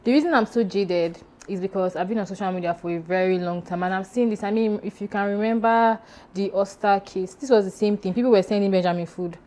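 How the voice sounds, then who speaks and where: A young woman from Nigeria co-hosting a casual podcast chat, talking quickly with frequent restarts. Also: medium pitch, warm tone, a little hiss or hum. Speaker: podcast co-host.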